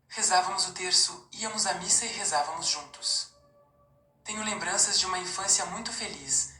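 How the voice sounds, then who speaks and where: A woman in her forties tells her life story in a calm, measured first-person testimony. Her voice sits low but sounds bright and forceful. The recording is roomy, with faint music underneath. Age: 40s. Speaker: testimony narrator.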